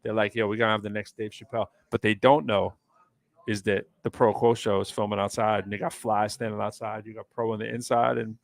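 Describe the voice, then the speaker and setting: With a low, gravelly voice and a level tone, the show host talks a little fast, and there's no room sound. He's an East Coast American running a live stream from a New York City hotel area, telling loose, meandering stories packed with fillers and false starts.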